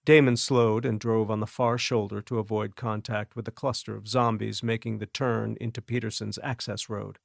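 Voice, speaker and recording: A man narrating an audiobook in a measured, even storytelling manner. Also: on the low side, creaky, no echo, studio quality. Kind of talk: scripted narration.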